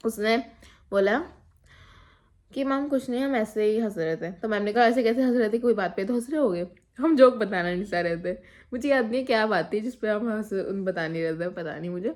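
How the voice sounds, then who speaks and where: A teenage girl telling a rambling, giggly story about school friends in a casual vlog. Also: medium pitch. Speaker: vlogger.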